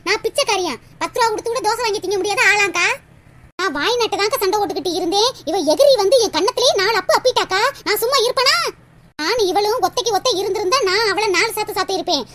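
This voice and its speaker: A woman's voice: very high-pitched, background noise. A woman voicing several quarrelling women in a cartoon comedy. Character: quarrelling village women, Vasanthi, Geetha and Rani.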